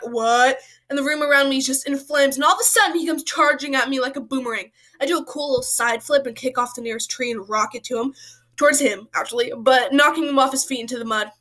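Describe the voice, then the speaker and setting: High, bright-voiced woman telling silly stories. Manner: animated, slangy, full of "like" and "bro". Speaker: storyteller. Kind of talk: casual comic storytelling.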